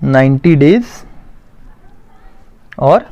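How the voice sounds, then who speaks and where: Man, commerce teacher, very animated pitch, slow dictation then quick explaining. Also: lo-fi sound. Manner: dictates slowly, then explains in fast Hindi. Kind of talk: exam-prep lecture.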